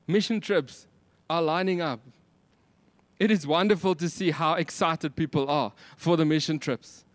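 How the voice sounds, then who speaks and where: High-pitched South African Afrikaans preacher, a man. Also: unhurried, no room sound. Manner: emphatic rhetorical questioning and repetition. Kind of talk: sermon.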